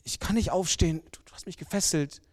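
A man's voice: on the high side, quick pace, a little mellow, voice pushed up, lightly acted. A man voicing a timid, frightened young son who pleads meekly, in a spoken sermon story. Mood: pleading. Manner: pleading, meek.

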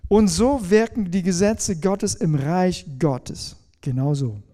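A man preaching a sermon in a conversational way, asking his listeners questions and slowing down on key phrases. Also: high-pitched, warm tone.

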